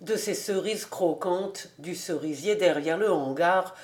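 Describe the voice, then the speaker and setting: A woman doing a gentle old farmer. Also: measured pace, close to an everyday voice. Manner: soft, low and respectful. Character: old bearded male farmer, gentle and humble.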